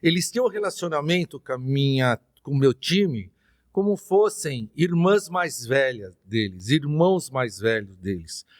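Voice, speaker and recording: Man, middle-aged, Brazilian accent, podcast guest, storytelling, reenacts dialogue, mid pitch, dry close sound. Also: measured pace, no echo. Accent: Brazilian Portuguese. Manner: lively anecdotal, reenacts dialogue with quoted voices. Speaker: interview guest.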